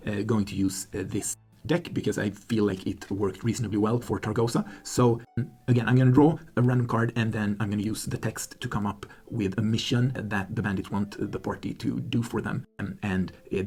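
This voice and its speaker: A man's voice: fairly low pitch, warm tone, husky. A man hosting and narrating a solo tabletop game, thinking aloud hesitantly with many fillers. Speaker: solo game player and host.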